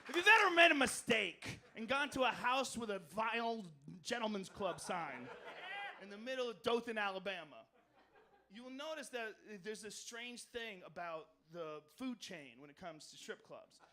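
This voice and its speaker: A man doing stand-up comedy on a club stage, telling a story loudly and profanely, with mumbled asides and shouted punchlines. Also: high voice, lively intonation, moderate pace.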